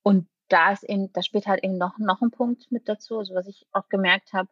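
A woman product management coach speaking as a podcast guest, animated and acting out quoted dialogue. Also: medium pitch, fairly quick, no echo, dull audio. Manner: animated, acts out quoted dialogue with many ne? tags. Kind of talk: podcast interview talk.

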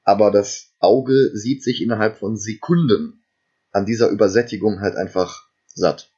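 Husky man dryly retelling a film plot. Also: fairly low pitch, moderate pace, mellow, lo-fi sound. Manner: retells the plot at length, dry asides. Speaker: podcast co-host recapping a film. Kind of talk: casual chat.

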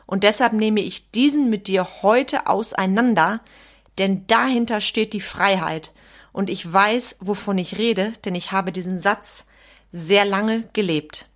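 A woman's voice: medium pitch, unhurried. A woman coach speaks in a solo podcast monologue. She addresses the listener directly, with a blunt and emphatic manner. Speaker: business coach.

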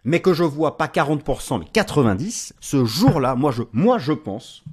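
Lively husky-voiced man explaining markets. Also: on the high side, normal speed. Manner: lively, emphatic, many restarts and asides. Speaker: market analyst presenting forex video. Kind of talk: market commentary over charts.

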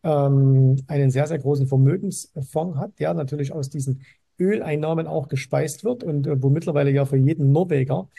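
A man hosting a podcast interview in a casual, halting way, with many fillers and restarts. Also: on the high side, steady tone, gravelly, warm tone, breathy edge, no room sound, studio quality. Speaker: podcast host. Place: Dubai.

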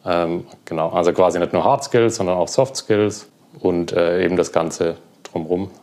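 A young man being interviewed, talking relaxed about his work with many fillers. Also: sits low, moderate pace. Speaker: guest, cloud platform engineer. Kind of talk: casual interview.

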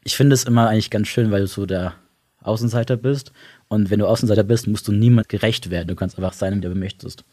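Husky young man, halting and reflective. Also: on the low side, steady tone, dark tone. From Germany and Italy. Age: young adult. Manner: reflective, halting, many restarts and fillers. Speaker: interview guest. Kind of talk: casual personal talk.

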